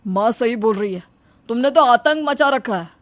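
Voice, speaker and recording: A woman's voice: fairly high pitch, animated, no room sound, close to an everyday voice. A woman voicing a grown son who scolds his wife and praises his mother's cooking. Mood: scolding. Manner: scolding, quick complaints. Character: grown son, exasperated young husband.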